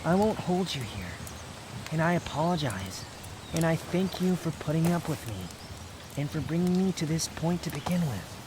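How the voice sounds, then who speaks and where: A male actor plays a proud young man in a fairly high, sing-song voice at moderate pace, bitter and guarded yet tender underneath, here softened and apologetic. It's an intimate, brooding ASMR roleplay, curt at the edges and confessional, with clear outdoor nature ambience and background noise behind him.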